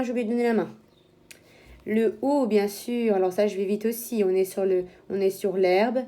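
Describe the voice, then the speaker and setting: Female teacher, mellow and warm in tone, patient step-by-step instruction for young kids. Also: mid-range voice. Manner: slow, step-by-step explaining with simple imagery. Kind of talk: handwriting lesson for young children.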